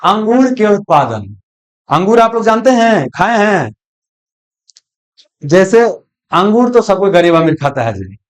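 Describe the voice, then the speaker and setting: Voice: mid-range voice, very animated, unhurried, pauses often. A teacher gives a recorded exam-coaching lecture, asking questions aloud and answering them, repeating key terms and calling students "babu". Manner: folksy, calls students "babu".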